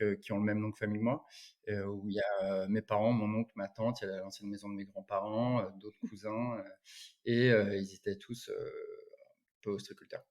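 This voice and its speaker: Low-voiced rambling Breton man. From Brittany, France. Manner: rambling, many restarts and fillers. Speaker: guest, photographer. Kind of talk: casual interview chat.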